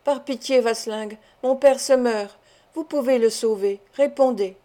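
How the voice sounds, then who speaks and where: A desperate young sailor speaks with raw intensity, as a woman reads him aloud. The voice is fairly high and warm. It is a plain audiobook rendering. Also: a little slow, close to an everyday voice. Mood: pleading. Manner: pleading, then threatening with force. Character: desperate young sailor pleading for his dying father. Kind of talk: audiobook reading.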